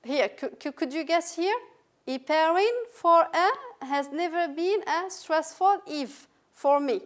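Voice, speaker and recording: Slow, high-voiced woman teaching English. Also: expressive. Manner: slow, patient, repeats words and letters for learners. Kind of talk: recorded classroom lesson.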